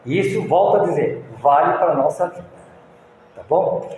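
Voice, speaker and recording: A man's voice: a little high, lively intonation, normal speed, darkish tone. A man with a Brazilian accent giving a folksy moral lecture at a spiritist center, telling stories with many restarts. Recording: echoey hall, faint room noise.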